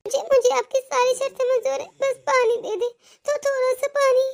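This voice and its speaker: A woman's voice: extremely high pitch, steady tone, moderate pace. Woman voicing a timid, stammering young bride. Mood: pleading. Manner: stammering, tearful pleading. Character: young abused daughter-in-law, timid and pleading. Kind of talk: cartoon voice acting.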